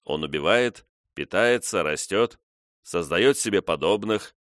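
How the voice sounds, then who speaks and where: Audiobook figure: male reader doing a philosophical old colonel, low and unhurried. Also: lively intonation, a bit bright, no echo, clean studio sound. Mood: musing.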